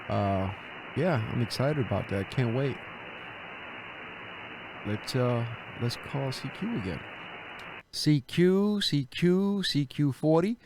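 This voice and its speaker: A ham radio operator with a mid-range voice chats casually and makes calls over the air with the phonetic alphabet, background noise audible throughout.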